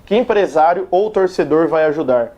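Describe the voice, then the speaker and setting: A man's voice: fairly high pitch, expressive, moderate pace, highs cut off. A man hosting a casual studio sports chat show, reading viewer comments aloud in a chatty way.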